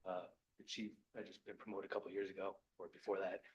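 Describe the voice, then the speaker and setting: A man who is a police lieutenant, addressing a village board meeting, choked up and halting, apologizing and repeating words as he explains. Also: low voice, little pitch movement, lo-fi sound, slight background noise. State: choked up with emotion. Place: municipal meeting room.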